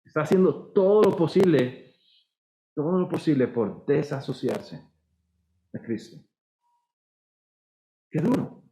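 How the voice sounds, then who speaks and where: A man's voice: on the high side, lively intonation, a little slow, pauses often, warm tone, roomy sound, poor audio. A man preaching a sermon with a Costa Rican accent, conversational and acting out the voices he quotes. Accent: Costa Rican Spanish. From Costa Rica. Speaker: pastor.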